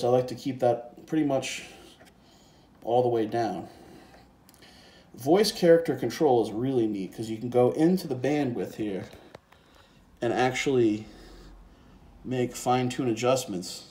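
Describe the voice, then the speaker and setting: This music gear tutorial presenter speaks at a measured pace with long pauses, his medium-pitched voice mellow. Informal and laid-back, he thinks aloud during a hands-on software and synth demo indoors by a synthesizer keyboard, using a handheld phone and separate handheld microphone.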